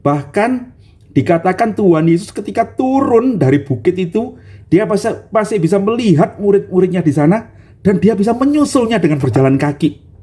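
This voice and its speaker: Man, pastor, online Bible study sermon, dark mellow tone, animated storytelling, acted-out quotes. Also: sits high, moderate pace, husky. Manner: often addresses listeners as brothers and sisters.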